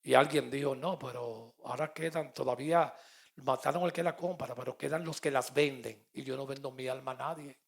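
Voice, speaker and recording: A middle-aged man with a Puerto Rican accent, a pastor preaching a sermon and telling stories, moving between loud and soft. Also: medium pitch, fairly even intonation, fairly quick, vocal fry. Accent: Puerto Rican Spanish. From Puerto Rico. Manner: storytelling with quoted dialogue, swings between loud and soft.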